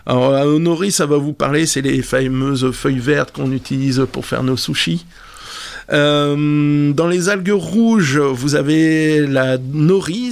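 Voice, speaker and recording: Male radio presenter, fry in the voice, casual, hesitant and full of fillers. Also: fairly high pitch. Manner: hesitant, explanatory, many fillers. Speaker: radio segment presenter on marine plants.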